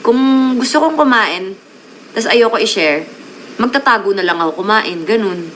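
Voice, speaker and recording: Bright-voiced woman chatting on a live stream. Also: medium pitch, animated, moderate pace, slight background noise, poor audio. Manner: chatty, mixes English into Tagalog. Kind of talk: casual live-stream chat with viewers.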